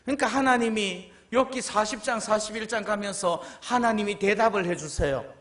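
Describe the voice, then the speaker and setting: A man's voice: high-pitched, moderate pace, fairly bright tone. A male senior pastor preaching a sermon in a church sanctuary, often asking his congregation questions and acting out quotes.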